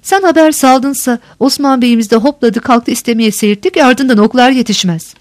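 A woman's voice: on the high side, normal speed, a little mellow, dry recording, studio quality, lightly acted. A woman reading the part of a shrewd young woman who questions her friend insistently. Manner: probing, insistent.

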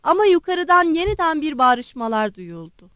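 A woman narrating a literary audiobook in a calm, measured storytelling manner. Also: high voice, dry recording.

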